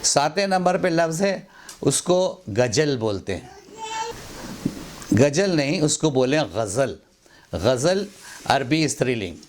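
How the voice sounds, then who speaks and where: A man teaching pronunciation in a slow, instructional way, carefully enunciating and repeating words to contrast wrong and right forms, with a Hindi-Urdu accent. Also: medium pitch. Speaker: language teacher. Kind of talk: slow, deliberate instructional explanation.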